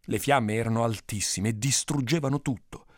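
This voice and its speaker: A man narrating a folk tale in an expressive storytelling style with dramatic pitch swings. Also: moderate pace, no room sound, clean studio sound.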